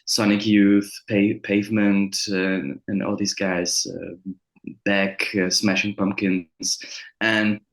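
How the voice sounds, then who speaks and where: Non-native English male guest, low voice, halting delivery full of fillers, echoey room sound. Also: level tone. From France and Germany. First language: French or German. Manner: hesitant, many fillers and restarts. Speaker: musician guest. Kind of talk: casual interview. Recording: roomy echo.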